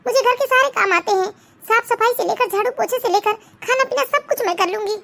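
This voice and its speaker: A woman's voice: very high voice, fast, vocal fry, a bit bright, exaggerated voice. A woman voicing a meek, timid young bride in a cartoon. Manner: timid, tearful. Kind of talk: Hindi cartoon voice acting.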